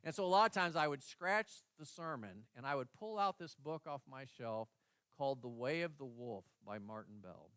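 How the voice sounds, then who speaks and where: A man's voice: mid-range voice, animated, normal speed, a bit bright, clean tone, no echo. A middle-aged male pastor preaching a sermon in a church, telling a parable in an earnest way and giving the story's animals their own voices. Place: church sanctuary.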